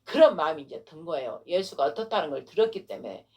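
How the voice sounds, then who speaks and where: Animated low-voiced woman pastor preaching. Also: quick pace. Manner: animated storytelling with rhetorical questions. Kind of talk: sermon.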